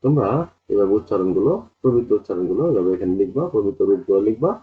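A man teaching a spelling lesson, talking straight to his students and repeating each word as he explains it. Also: on the low side. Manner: drawn-out repetitive explaining, addressing students directly. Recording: tinny phone-like audio.

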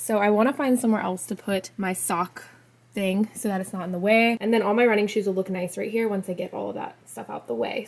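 In a small bedroom, a lifestyle vlogger in her twenties sorts out her closet while narrating in a chatty, upbeat way, full of "like" and "literally." The camera is close by, her voice is medium-pitched with a darkish tone, and the room sounds echoey.

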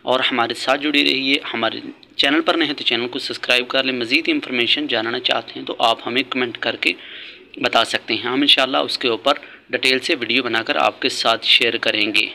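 Bright-voiced man vlogging outdoors. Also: mid-range voice, fairly even intonation, fairly quick, creaky, slight background noise. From Pakistan. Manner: earnest, advice-giving, repeats key points. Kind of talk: casual vlog commentary. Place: outdoor construction site.

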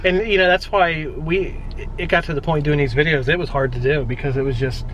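A man's voice: on the high side, steady tone, fairly quick, a bit bright, slight background noise, poor audio. A man in his thirties, co-host of a vlog, chatting casually and at length while sitting in a car at night. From central Florida. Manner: rambling, long-winded, repeats himself. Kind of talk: casual chat. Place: inside a parked car at night.

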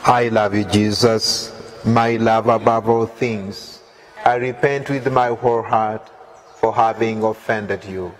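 Slow, reverent male prayer leader. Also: on the low side, steady tone, low-quality recording. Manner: slow, reverent, measured reading. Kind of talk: devotional reading of the Way of the Cross.

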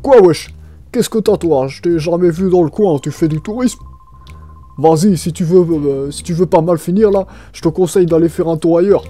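A man voicing a cocky young street thug in a video game, loud, slangy and confrontational. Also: a little high, moderate pace, soft background music, close to an everyday voice. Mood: threatening.

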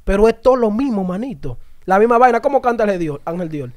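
A man's voice: high voice, fast talker. A young man, a guest in an interview, telling stories with energy and copying singing styles. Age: young adult. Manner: animated storyteller, imitates singing styles. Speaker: music artist guest. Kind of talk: casual interview talk.

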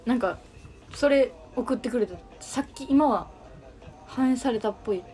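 A woman's voice: fairly high pitch, moderate pace, warm tone. A young woman with a Kansai Japanese accent hosting a casual livestream, chatting and answering viewer comments. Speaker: livestream host.

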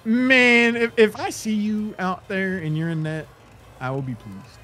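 A man's voice: high voice, a little slow, sharp tone. A man giving casual live fighting game commentary, bantering and using slang over the match. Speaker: esports tournament commentator. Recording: music behind the voice.

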